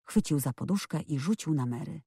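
A woman narrating an audiobook in an expressive, lively storytelling manner. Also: sits low, brisk, husky, no echo, studio quality. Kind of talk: scripted narration.

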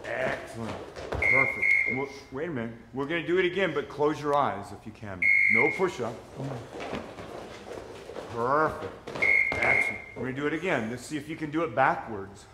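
A man's voice: mid-range voice, lively intonation, normal speed. A man leading a group fitness class, calling out moves and counts with upbeat encouragement and frequent laughs. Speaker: fitness instructor. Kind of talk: coaching a live group class. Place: echoey gym with a group. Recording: echoey gym room, loud background noise.

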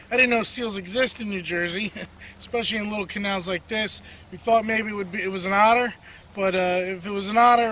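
A man's voice: high voice, sharp tone, a little hiss or hum. A man in his thirties hosting a casual fishing vlog outdoors by a canal, easygoing and joking, with many filler words, picked up by the camera mic. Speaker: fishing show host. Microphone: camera mic, medium shot.

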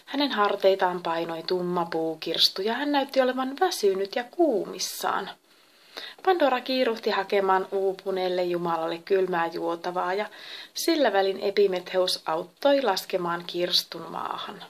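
A woman reading a myth aloud as a storyteller, in a slow delivery that drifts into breathy whispers. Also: medium pitch. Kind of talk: storybook narration.

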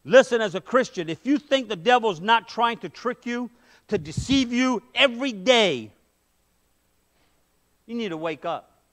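A middle-aged male pastor preaching from the front of a mid-sized church. His voice sits unusually high for a man, and he presses his points with emphatic rhetorical questions. He speaks through a headset mic. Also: expressive, unhurried, long pauses, fairly bright tone. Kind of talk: sermon. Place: church sanctuary, medium-sized, indoors.

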